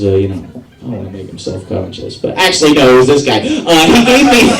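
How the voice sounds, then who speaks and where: Animated man doing stand-up in an echoey hall. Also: high voice. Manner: swearing, animated storytelling with acted-out voices. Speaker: stand-up comedian. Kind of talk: stand-up comedy set. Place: veterans hall comedy show with live audience. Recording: echoey hall recorded from a distance. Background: audience laughing.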